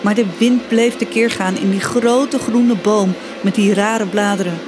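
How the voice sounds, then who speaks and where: A woman reading a children's story aloud as scripted narration, expressive and lively, voicing the characters' cries. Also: medium pitch, measured pace. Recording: music bed behind voice.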